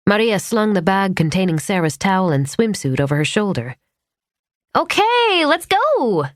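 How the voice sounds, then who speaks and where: Woman narrator, low register, measured and tense, dry studio read. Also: no room sound. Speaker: audiobook narrator. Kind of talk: scripted narration.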